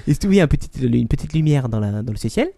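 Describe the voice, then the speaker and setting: A man's voice: mid-range voice, sing-song, fast, vocal fry, mellow, dry recording. A man hosting a casual podcast, reading odd news items with frequent laughs. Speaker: podcast host.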